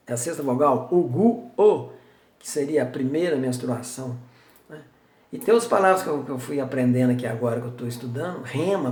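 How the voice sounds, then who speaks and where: A man's voice: a little high, a little mellow. A man giving a casual video lesson on an old native language, talking informally and repeating words as a drill. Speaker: Tupi language teacher. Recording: echoey room.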